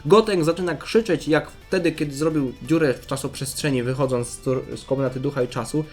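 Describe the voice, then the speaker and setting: A man reading a fan comic aloud and commenting as he goes, excitable and given to loud outbursts. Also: on the high side, fairly quick. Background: faint battle music.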